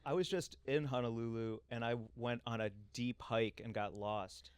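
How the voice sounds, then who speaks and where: A man from Illinois guesting on a podcast as a comedian, trading deadpan one-liners in casual banter. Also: mid-range voice, moderate pace, smooth, no room sound.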